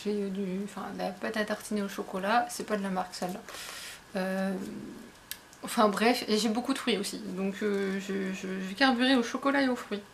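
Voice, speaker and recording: A woman's voice: mid-range voice, steady tone, fairly quick, creaky, a little hiss or hum. A young woman chatting casually to camera while unboxing a book box at home, with lots of fillers and restarts. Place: at home, indoors.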